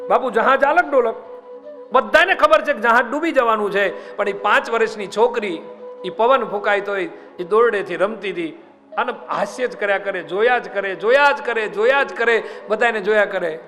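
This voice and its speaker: A man's voice: sits high, sharp tone. A man giving a devotional sermon and telling a story dramatically, often speaking straight to his audience. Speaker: spiritual storyteller and preacher. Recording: live hall reverb with music underneath.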